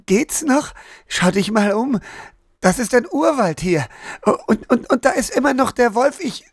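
A man voicing an anxious, protective boy in an audiobook, raised in pitch and stammering. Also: slow pace, no room sound, clean studio sound. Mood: agitated. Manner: stammering, agitated.

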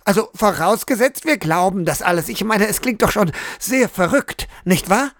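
A man's voice: high-pitched, animated, normal speed, fairly bright tone, no room sound, studio quality. A man voicing an overwhelmed woman mayor who stammers and hedges unsurely. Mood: hesitant. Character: hesitant overwhelmed middle-aged woman mayor.

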